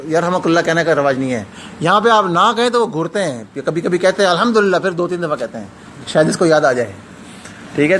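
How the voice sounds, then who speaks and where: A man's voice: high voice, fairly bright tone, a little hiss or hum. A man from South Asia giving a religious lecture to an audience, earnest, with rhetorical questions and personal stories. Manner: frequent restarts and pious interjections. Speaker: Islamic lecturer.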